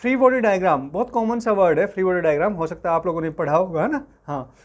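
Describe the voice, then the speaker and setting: Man, physics teacher, high voice, friendly, coaxing students, classroom lecture. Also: quick pace. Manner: friendly, addresses students as beta, asks for confirmation often.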